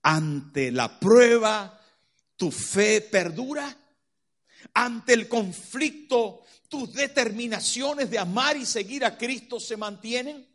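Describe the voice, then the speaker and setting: A man's voice: very high-pitched, slow, a bit bright. A man preaching a sermon, dramatic and full of rhetorical questions to the congregation.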